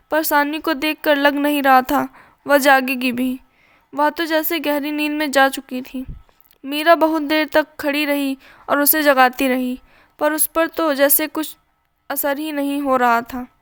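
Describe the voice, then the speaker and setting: A woman narrating a scripted story in a measured, plain way. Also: sits high, little pitch movement, a bit bright.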